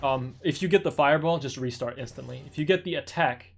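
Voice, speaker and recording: A speedrunner streamer with a creaky, medium-pitched voice talks fast through a gameplay speedrun tutorial. Tired-sounding, he rambles in a casual, chatty manner and often corrects himself.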